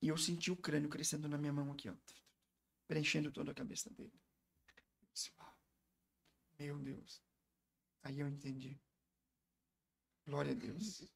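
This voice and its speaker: Fervent gravelly-voiced preacher man. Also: fairly high pitch, steady tone, fairly quick, long pauses. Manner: fervent, emotional storytelling. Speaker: guest pastor. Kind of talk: personal testimony in a podcast interview.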